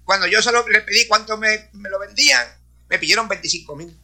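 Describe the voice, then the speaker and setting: A man's voice: high-pitched, a little fast, sharp tone. A man from Rico, giving a preaching testimony to a congregation and dropping hallelujahs and praise all through his talk. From Puerto Rico. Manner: peppers speech with hallelujahs and praise. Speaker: church speaker.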